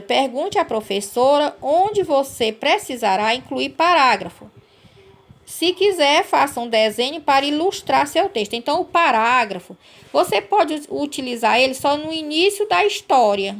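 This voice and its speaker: Patiently teaching young pupils in a recorded lesson, this woman works step by step and keeps checking in with "certo?" and "né?", her versions of "right?". Her voice sits high and sounds expressive, at a moderate pace.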